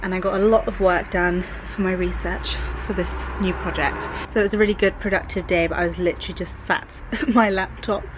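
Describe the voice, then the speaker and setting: A young woman chats about her day to a close camera in her bedroom. Her voice sits in a middle pitch and stays upbeat, with light laughs and loose fillers. A faint hiss runs underneath. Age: 20s. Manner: chatty and upbeat, quick laughs, many fillers. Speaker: vlogger and fashion student. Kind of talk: casual vlog chat to camera. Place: student bedroom, indoors.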